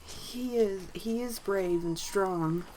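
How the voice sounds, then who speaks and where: A woman voicing a shy little kitsune girl who speaks softly, stammering and near tears. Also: fairly high pitch, animated, measured pace, slight background noise, pitched above the performer's own voice, poor audio. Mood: shy, tearful. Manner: soft, whimpering, stammering.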